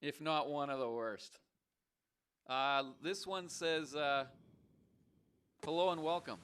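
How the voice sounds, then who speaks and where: A man's voice: fairly high pitch, slow, fairly bright tone, slight background noise. Bemused male call-in host. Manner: dry, bemused and teasing. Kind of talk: casual call-in show hosting.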